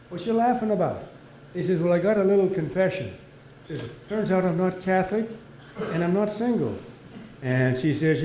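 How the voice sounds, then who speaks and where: A man's voice: on the high side, a little hiss or hum. An actor playing a man in a pub telling jokes and laughing at his own punchlines. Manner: lively joke-teller who laughs at his own punchlines. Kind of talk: stage play, telling jokes. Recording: echoey room.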